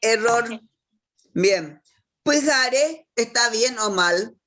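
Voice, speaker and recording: Slow-speaking woman teacher. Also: on the high side, animated, a bit bright. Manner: asks questions and praises answers. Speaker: language teacher. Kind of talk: classroom instruction.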